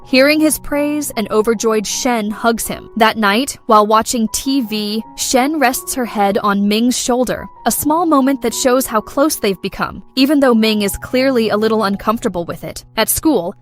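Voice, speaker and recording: A woman with a slightly high-pitched voice narrates a drama recap in a steady, scripted storytelling manner. Faint music plays softly beneath her voice. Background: faint background music.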